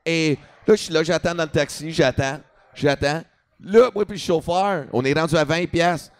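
A man's voice: on the high side, normal speed, clean tone. A man comedian with a Quebec French accent telling a story in a casual talk, switching into English and swearing freely.

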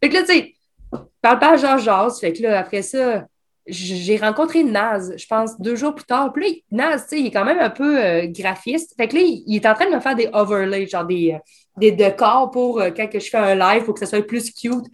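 A woman speaking with a Québécois French accent, her voice sitting a touch higher than most. She talks in an easy, rambling way, laughing often and leaning on fillers as she tells her story as an interview guest. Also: expressive, normal speed. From Quebec. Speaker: guest, escape game creator and streamer. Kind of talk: casual interview chat.

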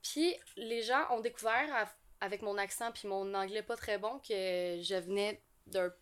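A woman's voice: medium pitch, normal speed, fairly bright tone. A woman from Quebec with a Québécois accent, a guest on a podcast, chatting in an easygoing way about making ASMR videos. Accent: Québécois French. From Quebec, Canada. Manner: easygoing, chatty, laughs often. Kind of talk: casual interview chat.

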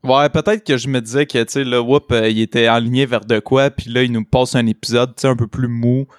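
A man's voice: mid-range voice, steady tone, fairly quick, no room sound, clean studio sound. A man in his twenties with a Québécois French accent, co-hosting a casual chat in informal, slangy speech mixed with English words. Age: 20s. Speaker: podcast co-host. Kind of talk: casual chat about a TV series.

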